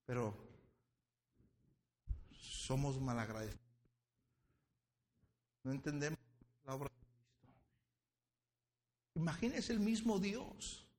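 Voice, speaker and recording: A male pastor preaching a sermon with impassioned delivery. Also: mid-range voice. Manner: impassioned preaching, dwells on words slowly.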